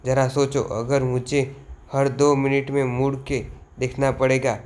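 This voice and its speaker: A man reading the lines of a curt, impatient young male swordsman in a flat retelling of manga dialogue. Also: medium pitch, measured pace, lightly acted.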